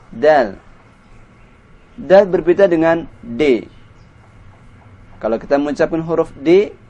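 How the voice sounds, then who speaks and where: A man with a dark-toned voice on the high side gives a slow tajwid lesson on Quran pronunciation. He patiently drills letters and syllables one by one, spelling sounds out slowly and repeating them, and the audio is dull.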